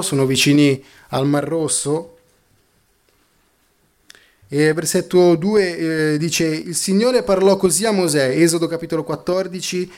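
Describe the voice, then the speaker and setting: A man preaching a sermon, telling a story and reading scripture aloud, slowing down and dropping low for emphasis. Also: a little mellow.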